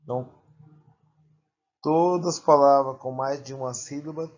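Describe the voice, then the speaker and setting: Male teacher, lo-fi recording, slow deliberate delivery, drawn-out example words. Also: medium pitch, steady tone. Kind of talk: grammar lesson.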